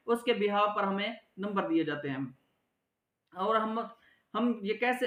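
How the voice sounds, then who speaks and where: A man's voice: high voice, pushed and bright. Man teaching exam tips in an echoey room. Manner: explains step by step, answers own questions. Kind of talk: exam coaching lesson. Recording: roomy echo.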